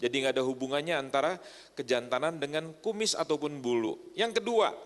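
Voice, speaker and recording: A man's voice: fairly high pitch, brisk. A man preaching a humorous sermon to a congregation, often stopping to ask if they agree. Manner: joking, often asks the crowd to agree. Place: church hall. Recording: long church hall reverb.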